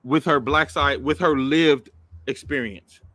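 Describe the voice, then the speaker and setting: A man's voice: a little high, unhurried, fairly bright tone, no echo. A man hosting a casual talk show, pressing his co-host with persistent, probing questions. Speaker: podcast host. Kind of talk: casual debate chat.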